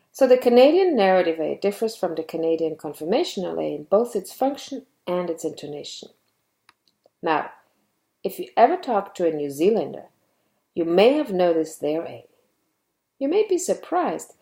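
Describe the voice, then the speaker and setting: A woman giving a scripted educational explanation, speaking in a clear, measured way and acting out example sentences. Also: lowish voice, warm tone, echoey room. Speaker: linguistics explainer.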